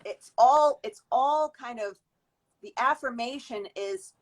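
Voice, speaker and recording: A woman in her fifties who works in the beauty industry is a guest in an interview, giving long, reflective answers and often restarting her sentences. Her voice is a little high and she takes her time. The audio quality is poor.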